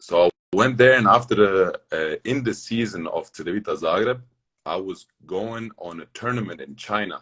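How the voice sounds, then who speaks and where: A young man from Germany, a basketball player, telling stories fast in loose, broken English as an interview guest. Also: on the low side, fairly bright tone. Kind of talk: casual interview storytelling.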